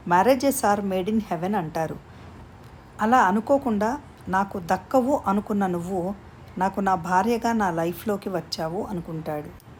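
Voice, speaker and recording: A woman's voice: mid-range voice, a little mellow, a little hiss or hum. A woman telling a long family love story aloud, reading every character's lines in her own voice. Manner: reads all parts in her own voice.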